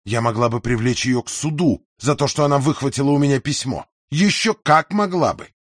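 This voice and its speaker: A man's voice: mid-range voice, fairly quick, no echo, clean studio sound, lightly acted. A man voicing a down-on-her-luck aging female singer in an audiobook, huffy and grumbling to herself. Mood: furious. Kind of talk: audiobook character voice.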